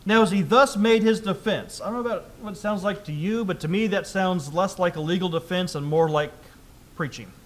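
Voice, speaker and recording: High-voiced man preaching a sermon. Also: brisk, slight background noise. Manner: reads scripture aloud with rising emphasis, then explains in a quieter tone.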